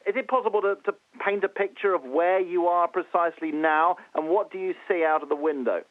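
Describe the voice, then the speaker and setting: A man's voice: sits high, steady tone, dry recording. Man asking questions over a tinny radio link. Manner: polite, measured questioning. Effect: narrow radio link. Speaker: radio interviewer. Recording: tinny phone-like link, dry.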